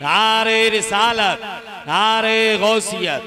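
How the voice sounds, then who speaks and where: A man with a high voice leads a gathering in slogans, stretching each call out very slowly. A loud crowd answers around him. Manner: slow, drawn-out chanted slogans.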